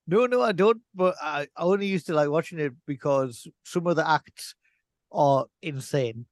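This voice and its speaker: A man rambles through casual podcast chat in a laid-back way and laughs often. His voice sits a little high. The sound is dry and close, with no room echo. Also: normal speed. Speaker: podcast co-host.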